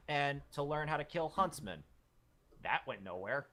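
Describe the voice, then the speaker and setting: A man's voice: on the high side, lively intonation, unhurried, a bit bright. A man co-hosting a podcast in casual chat, dry and curt. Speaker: podcast co-host.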